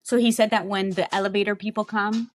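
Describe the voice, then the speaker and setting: A woman's voice: mid-range voice, level tone, brisk, a little hiss or hum. A young adult woman co-hosting a podcast, telling rambling stories in casual chat and swearing freely. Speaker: podcast co-host.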